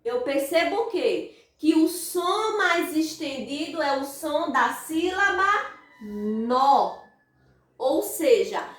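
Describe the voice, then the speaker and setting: A Brazilian woman teaches a children's grammar lesson, her voice high and her pace unhurried. She stretches the stressed syllables out in sing-song calls. She sounds distant from the mic in a strongly echoing room. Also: a bit bright. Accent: Brazilian Portuguese. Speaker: primary school teacher. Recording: echoey room, voice far from the mic.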